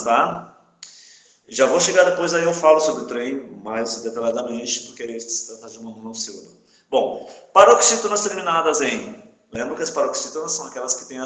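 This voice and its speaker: A male teacher gives a lesson in a classroom with plenty of room echo. His pitch sits in a medium range. He pauses again and again to check that his students are following. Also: a bit bright. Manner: checks in often with the class, asking "tá?". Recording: echoey room.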